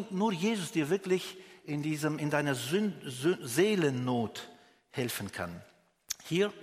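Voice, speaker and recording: A man's voice: fairly high pitch, big-room sound. A man preaching a sermon, earnestly asking the listener direct questions, with frequent restarts.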